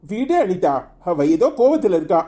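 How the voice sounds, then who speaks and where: A woman doing a husky, exasperated older village woman. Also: on the low side, sing-song, moderate pace, dark tone. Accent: Tirunelveli Tamil. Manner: exasperated, pleading.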